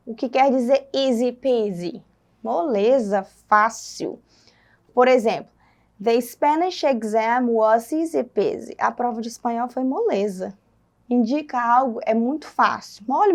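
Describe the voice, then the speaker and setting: A woman's voice: on the high side, a little mellow. A Brazilian woman teacher with a Brazilian Portuguese accent, explaining a recorded lesson step by step and asking the class questions.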